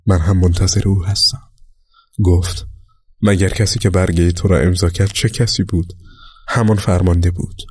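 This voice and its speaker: Deep, dark-voiced male audiobook narrator. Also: husky, dry recording. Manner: calm, measured storytelling, voicing quoted dialogue lightly. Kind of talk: audiobook reading of a memoir.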